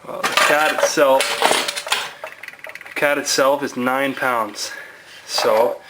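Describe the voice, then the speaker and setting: A hobbyist motorcycle owner demonstrates swapping his own exhaust, giving plain-spoken, slangy how-to commentary. His medium-pitched voice is slow with fairly even intonation, and there is background noise.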